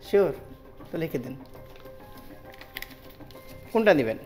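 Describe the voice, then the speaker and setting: A woman's voice: low voice, big pitch swings, slow, warm tone, soft background music. A woman performing as a magician in kids party style, coaxing a participant through interactive tricks with magic chants and patter.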